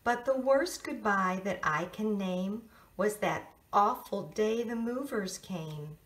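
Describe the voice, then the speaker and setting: A female teacher reading a children's picture book aloud, playful and expressive. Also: medium pitch, slow pace. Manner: sing-song, playful, expressive read-aloud. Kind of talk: storybook read-aloud for children.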